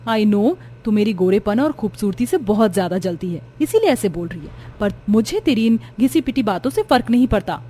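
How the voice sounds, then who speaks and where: A woman's voice: medium pitch, big pitch swings, normal speed, hardly any pauses, warm tone. A woman voicing a vain, spoiled young woman in a storybook, scornful and bossy, slipping English words into her talk. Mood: arrogant. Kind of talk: storybook voice acting.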